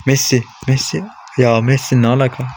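Playing a football game, a young man commentates his own match for his gaming channel, muttering to himself, pushing the on-screen players, and erupting in frustration as he grows worked up. He talks a little fast at medium pitch in a level tone, and background noise can be heard.

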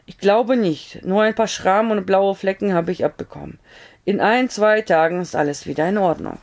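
A woman's voice: mid-range voice, moderate pace, darkish tone, lightly acted. A woman voicing an injured male frontier doctor who gives sober, matter-of-fact instructions in an audiobook reading. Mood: wry.

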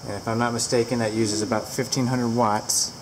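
A woman's voice: rumbling low, flat delivery, fairly quick. A woman giving a casual, rambling product review with fillers, filmed on a handheld camera inside a large barn with the door open to the wind.

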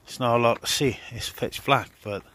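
Outdoors on a hillside at night, a radio hobbyist records a casual vlog on a handheld camera or phone. His voice is medium-pitched and a bit bright, moving at a moderate pace.

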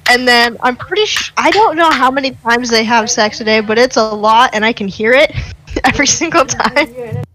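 A woman's voice: fairly high pitch, moderate pace, a bit bright, poor audio. Chatty, teasing young woman. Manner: chatty storyteller, teasing, lots of fillers. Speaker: podcast co-host. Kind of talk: casual chat.

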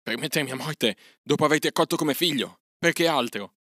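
A man's voice: on the low side, fairly quick, bright, forceful tone, dry recording, clean studio sound. A man reading aloud and voicing a wounded, frightened village husband who speaks curtly and gloomily. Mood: bitter.

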